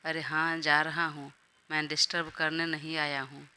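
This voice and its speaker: A woman's voice: low voice, flat delivery, moderate pace, sharp tone, clean tone. A woman voicing a playful young man who ribs his married best friend, in an audio story. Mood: teasing. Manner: playful, ribbing.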